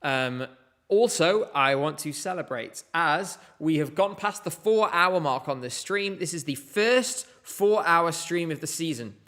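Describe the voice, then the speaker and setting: A man hosts a live stream from his home, talking casually and laughing often. His voice sits a little high, and he keeps a running chat going while he reads out viewer comments. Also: lively intonation, a little slow, a bit bright. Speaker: livestream host.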